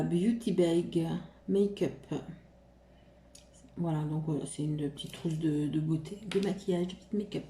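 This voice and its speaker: A woman's voice: fairly low pitch, dark tone, slight background noise. A woman vlogger chatting casually about a shopping haul, hesitant, with many fillers and restarts. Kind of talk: casual haul vlog chat. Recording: roomy echo, faint room ambience.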